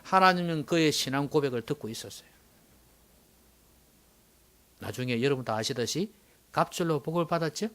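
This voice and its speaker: A male pastor preaching a sermon, swinging dramatically from loud exclamations to hushed whispers. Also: on the high side, animated, fast talker.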